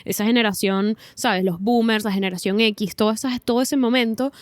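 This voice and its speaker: A woman's voice: fairly high pitch, fairly even intonation, dry recording, clean studio sound. A woman in her twenties co-hosting a podcast, talking thoughtfully and unhurriedly in casual chat, often checking in with her listener. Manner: thoughtful, unhurried, uses tag questions. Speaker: podcast co-host.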